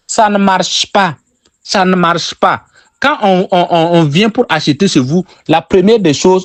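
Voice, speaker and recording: A man's voice: sits high, no room sound. A man from Burkina Faso with a Burkinabè French accent, teaching sales techniques and repeating his key phrases for emphasis. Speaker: sales trainer.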